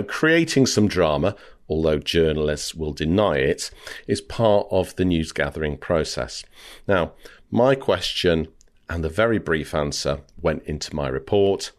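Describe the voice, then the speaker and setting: A man's voice: low-pitched, expressive, a little slow. A middle-aged man from the UK, a former reporter hosting a podcast, telling a story in a conversational way with frequent fillers. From United Kingdom. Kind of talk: storytelling monologue.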